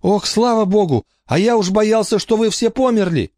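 A man narrating an audiobook voices an anxious, fussy boy in a high, fluttering, panicky voice. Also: lively intonation, moderate pace, darkish tone, dry recording, studio quality. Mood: fretful.

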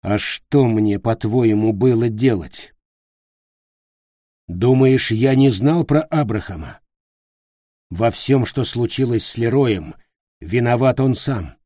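Cold, contemptuous young leader, barks his lines, as a male reader puts him on, dark low tone. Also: takes it slowly, long pauses, no echo, studio quality, natural voice. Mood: bitter. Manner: harsh, contemptuous, barking. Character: furious young male leader turned killer.

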